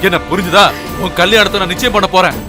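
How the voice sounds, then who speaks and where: A man's voice: high voice, fairly even intonation, fast talker, over music, natural voice. A man dubbing a stern father who harshly scolds his daughter, speaking in a commanding tone. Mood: angry. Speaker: dubbing actor. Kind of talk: dubbed film acting.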